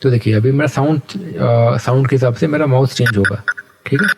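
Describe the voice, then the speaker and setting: Patient male software tutor. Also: medium pitch, fairly quick, creaky, very noisy. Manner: patient, explains step by step and checks in with "ठीक है?". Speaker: animation tutor. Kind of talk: screen-recorded software tutorial.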